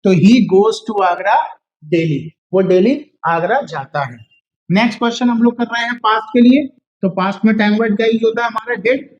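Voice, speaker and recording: A man with an Indian accent, a native Hindi speaker, teaching a spoken English lesson and slowly repeating English phrases for learners to copy. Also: sits high, lo-fi sound. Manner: slow drilled repetition of English phrases.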